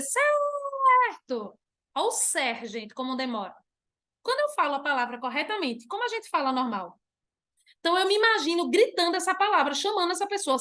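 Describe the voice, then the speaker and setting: A Brazilian woman with a notably high voice leads an online class. She explains patiently, slowing down and stretching the words she wants to stress. She keeps posing questions and then answering them herself. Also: bright, forceful tone. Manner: drawn-out stressed words when demonstrating. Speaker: teacher.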